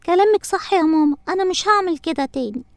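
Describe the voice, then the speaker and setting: An impatient little cartoon girl, voiced by a woman with an Egyptian accent and a very high, childlike voice. She whines and complains quickly. The sound is dry and close to the mic. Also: lively intonation, dry recording. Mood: sheepish. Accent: Egyptian Arabic. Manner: whiny, impatient. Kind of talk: cartoon voice acting.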